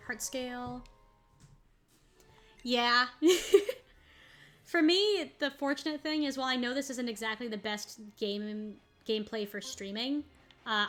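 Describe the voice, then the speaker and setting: Woman, game streamer, casual rambling commentary, mid pitch, faint background music. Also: a bit bright. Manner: chatty, rambling, laughs often.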